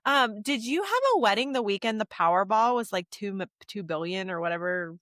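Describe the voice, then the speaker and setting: A woman's voice: medium pitch, expressive, a little fast, fairly bright tone, no echo, studio quality. A woman co-hosting a podcast, telling chatty, rambling anecdotes full of fillers in casual conversation. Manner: chatty storyteller, lots of "like". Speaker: podcast co-host. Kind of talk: casual chat.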